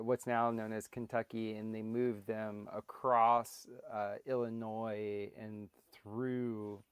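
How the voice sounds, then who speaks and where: A man with a smooth, resonant voice talks in a loose, rambling way, trading jokes as he hosts a casual livestream. The sound is close and dry, with no room around it. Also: mid-range voice, no echo. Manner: rambling, jokey storyteller. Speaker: livestream host. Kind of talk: casual chat. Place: outdoor porch.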